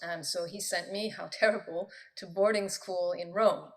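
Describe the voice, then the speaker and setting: A woman's voice: lowish voice, steady tone, normal speed. A middle-aged woman answering interview questions thoughtfully, with frequent ums. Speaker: guest, professor and poet.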